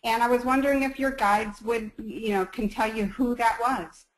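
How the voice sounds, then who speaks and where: A woman's voice: fairly high pitch, steady tone, normal speed, slight background noise, poor audio. A woman calls in to a psychic show. She talks in a hesitant, thankful way and keeps restarting her sentences. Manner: hesitant, grateful, many restarts. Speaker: caller. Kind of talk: phone-in call.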